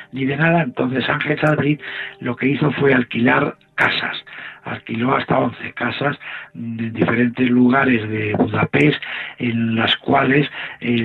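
A man, an interview guest calmly explaining history with frequent "eh" pauses. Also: medium pitch, gravelly, breathy edge. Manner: measured, explanatory, pauses often with "eh". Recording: tinny phone-like line.

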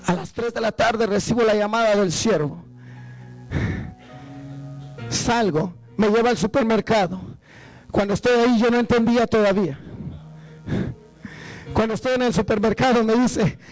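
Man, guest preacher, evangelical sermon, very high voice, faint music underneath. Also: darkish tone, rough recording. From Guatemala. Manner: rises to fervent, high-pitched preaching.

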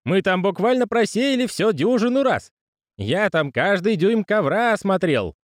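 A man voicing an excitable, credulous old postman who talks in a shrill, agitated, pleading way. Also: moderate pace, no room sound, clean studio sound. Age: older.

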